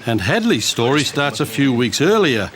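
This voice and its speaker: A man with a New Zealand accent narrates a documentary from a script. His voice sits at a middle pitch, with clear noise running behind it. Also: big pitch swings, normal speed.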